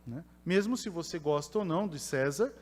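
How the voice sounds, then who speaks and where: A Brazilian man preaching a homily at Mass, measured and often checking in with a rhetorical "né?". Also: a little high, animated, a little mellow. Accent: Brazilian Portuguese. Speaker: priest. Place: church. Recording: long church reverb.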